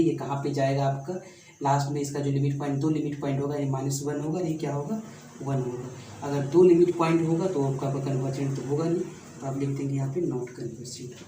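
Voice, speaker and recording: A man's voice: on the high side, warm tone. A man teaching a maths exam-prep lesson, explaining step by step and asking the class rhetorical questions. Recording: echoey room, mic at a distance, faint room noise.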